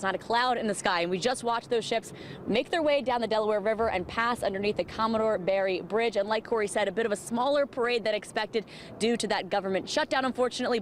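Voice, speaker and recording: Female field reporter, upbeat live outdoor segment, mid pitch, faint rumble behind. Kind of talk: live news report and interview. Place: outdoors at a riverside venue.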